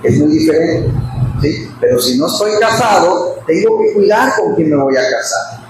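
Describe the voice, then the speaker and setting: High-voiced pastor in an echoey hall. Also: male voice, normal speed. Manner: animated, questions the congregation and laughs often. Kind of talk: expository sermon at a Bible study. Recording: very echoey church hall with background noise.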